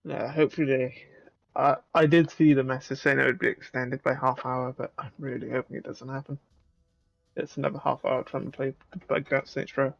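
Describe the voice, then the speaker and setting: A man's voice: medium pitch, level tone, a little fast, creaky, no room sound, muffled recording. A man with a South Wales Valleys accent in casual, sweary, joking banter. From Caerphilly, Wales. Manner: sweary, joking, laughs often.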